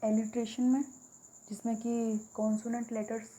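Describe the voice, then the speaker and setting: A woman teaching an exam-prep lesson, explaining step by step, repeating key words and reading English examples slowly. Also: a little high, level tone, mellow, rough recording.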